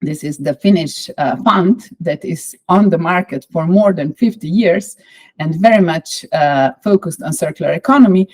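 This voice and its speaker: Slovenian-accented woman lecturing, mellow voice. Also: lowish voice, slightly rough, poor audio. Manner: measured, explanatory, with frequent fillers. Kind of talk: online course lecture.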